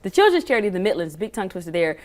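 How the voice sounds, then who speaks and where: A woman's voice: mid-range voice, big pitch swings, racing. Effusive woman hosting an interview. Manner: effusive, affirming. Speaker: TV interview host. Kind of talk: upbeat live talk-show interview.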